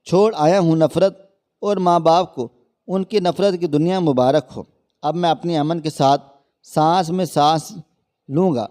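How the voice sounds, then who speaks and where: A man's voice: fairly high pitch, warm tone, in a large hall, natural voice. A man voicing a remorseful, devoted young husband in a storybook reading, speaking with passion. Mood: tender. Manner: impassioned, reproachful. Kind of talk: storybook narration.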